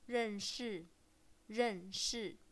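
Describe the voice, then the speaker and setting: A woman's voice: mid-range voice, very slow. A woman carefully pronouncing model words for a language lesson, saying each word twice. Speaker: pronunciation model. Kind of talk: slow model pronunciation.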